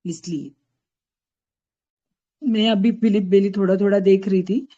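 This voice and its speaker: A woman's voice: mid-range voice, fairly even intonation, a little slow, dark tone, muffled recording. A woman from Maharashtra, a homeopathic doctor, presenting a patient case in an online discussion, explaining her reasoning thoughtfully and correcting herself as she goes. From Maharashtra, India.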